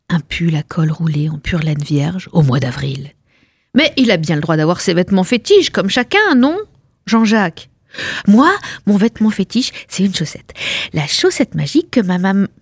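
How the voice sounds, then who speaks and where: A woman's voice: lowish voice, sing-song, normal speed, slightly rough, no room sound, clean studio sound. A woman in her fifties performing a reading of her own story, playful and ironic, often correcting herself.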